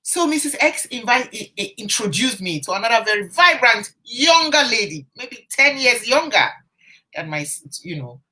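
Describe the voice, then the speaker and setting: On a casual live stream, a woman confidence coach tells a story, chatting with viewers, greeting them by name, and often restarting her phrases. Her voice sits on the high side, sing-song and bright, with a forceful tone at normal speed. The sound quality is low, captured by a phone or webcam.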